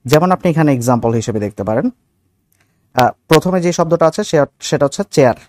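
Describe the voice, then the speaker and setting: A man from Bangladesh with a Bangladeshi accent teaches English pronunciation in a video lesson, explaining slowly with fillers and repeating each example word. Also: on the high side, animated, darkish tone.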